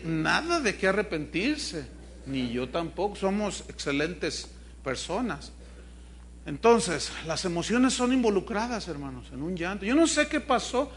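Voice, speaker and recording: A high-voiced male pastor preaches to his congregation, retelling stories in lively, animated fashion. He questions his listeners directly and teases them, with a faint hiss behind him. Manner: animated storytelling with acted quotes, addresses the congregation. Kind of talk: sermon. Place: church congregation.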